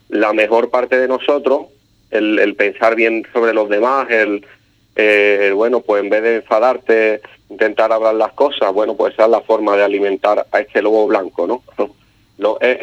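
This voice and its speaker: A man's voice: fairly low pitch, highs cut off. A man with an Andalusian Spanish accent, telling moral stories on radio in a hesitant way, with many fillers and restarts. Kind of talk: casual storytelling on radio.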